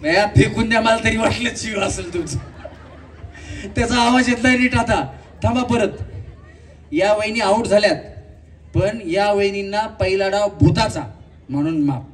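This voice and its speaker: High-pitched man hosting a live stage game, jokey and teasing, mic set back with a faint crowd behind. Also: moderate pace, pauses often, distant mic, a little hiss or hum. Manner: teasing, playful, shouts rhythmic game calls. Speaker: game show host. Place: community event stage with audience.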